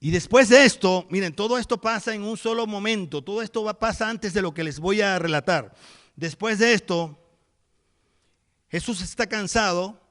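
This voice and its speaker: Male pastor, higher voice, sermon delivery, storyteller who acts scenes out. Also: moderate pace, a bit bright. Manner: vivid storytelling, acting out the scenes.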